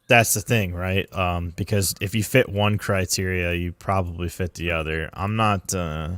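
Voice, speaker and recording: Deep-voiced Minnesota man, hesitant. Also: a bit bright, smooth, no room sound, studio quality. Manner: hesitant, explaining with many "uh"s. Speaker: guest. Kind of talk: casual live-stream chat.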